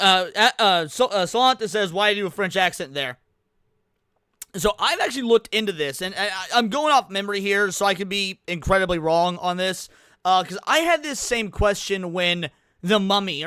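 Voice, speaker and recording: High, smooth-voiced male livestream host. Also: pushed and bright, dry recording, clean studio sound. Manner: blunt, profane, many fillers and restarts. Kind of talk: casual live reaction commentary.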